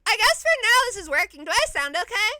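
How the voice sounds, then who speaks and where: A woman's voice: extremely high pitch, lively intonation, fast talker, very noisy. A woman streamer chatting casually with a friend, her voice blown out and distorted through a clipping microphone she is holding in her hand. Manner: chatty and playful with her co-viewer. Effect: blown-out, clipping distorted mic audio. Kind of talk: casual chat reacting to a video. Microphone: handheld desk mic after its arm broke.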